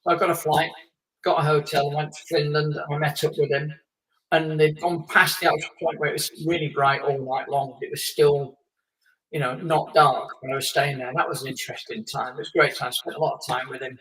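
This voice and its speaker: This English guest on a live chat is a former racing driver in his late fifties who spins long tales, peppered with fillers and little laughs. He speaks fairly quickly in a slightly high, fairly bright voice with a flat delivery. He sits far from the microphone, and the recording is rough.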